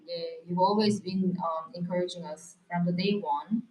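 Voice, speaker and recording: A woman's voice: on the low side, steady tone, moderate pace, darkish tone, echoey room, poor audio. A woman whose first language is Korean, speaking in English during a casual couple Q&A and reading viewer comments earnestly. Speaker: co-host of couple channel.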